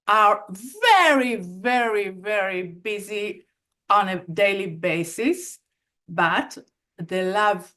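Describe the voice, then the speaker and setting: A woman hosting an event, introducing panelists in a halting way with many pauses and fillers. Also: medium pitch, a bit bright. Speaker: host.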